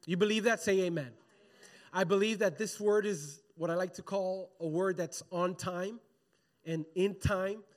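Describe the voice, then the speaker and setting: A pastor with a high voice preaches to his church in an easy, talk-to-you manner. He keeps asking the people in front of him to answer back and join in. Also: steady tone, unhurried. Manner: conversational preaching, calls for audience response. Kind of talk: sermon. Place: church sanctuary.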